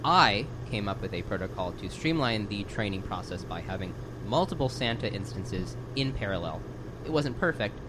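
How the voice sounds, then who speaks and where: A man playing an exasperated, self-important software developer, halting and pedantic. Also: on the low side, lively intonation, noisy background, lightly acted. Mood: dry, explanatory.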